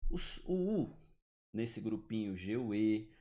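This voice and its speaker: A man's voice: on the low side, big pitch swings, slow, mellow. A man giving an online grammar lesson, explaining step by step and often checking in with the listener. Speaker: teacher. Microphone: computer mic, drawing with the mouse.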